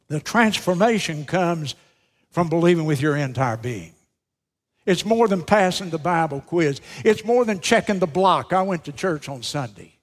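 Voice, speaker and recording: A middle-aged male pastor preaching a sermon, swinging between loud, emphatic lines and hushed, slowed-down phrases. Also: fairly high pitch, expressive. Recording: long reverb of a large hall.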